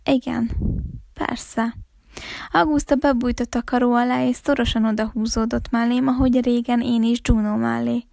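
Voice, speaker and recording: A woman reading a novel aloud for a library, with calm, steady storytelling. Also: on the high side, gravelly, few pauses, no room sound, clean studio sound. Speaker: library reader.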